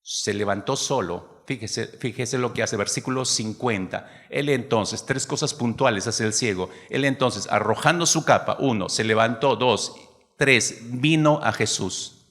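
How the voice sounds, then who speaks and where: A man preaching a sermon to his congregation, lively, acting out the voices of people in the story. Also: medium pitch, a little slow, in a large hall. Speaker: pastor.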